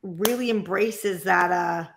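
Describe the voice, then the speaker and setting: Woman with a gravelly, creaky voice. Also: on the low side, takes it slowly, noisy background. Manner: enthusiastic, rambling, trails off mid-thought. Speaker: podcast co-host. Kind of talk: casual movie chat.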